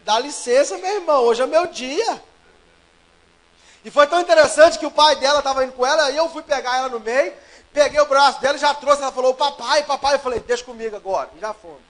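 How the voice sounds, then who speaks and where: High-voiced preacher telling stories. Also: male voice, a little fast, low-quality recording. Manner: storytelling, lively swings from loud to hushed. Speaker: pastor. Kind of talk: sermon.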